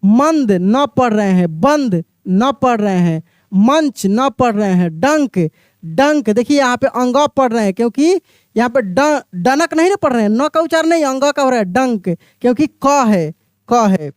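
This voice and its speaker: High-voiced man teaching reading. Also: expressive, smooth, no echo, clean studio sound. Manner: repeats words slowly and asks the listener questions; addresses the viewer as my friend. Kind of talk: explaining a reading lesson, drilling word lists.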